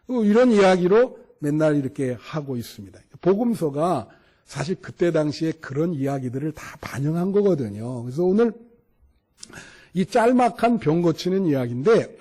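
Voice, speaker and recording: A male pastor preaching a sermon, acting out the story and asking the congregation for responses. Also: a little high. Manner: animated storytelling, acting out the scene.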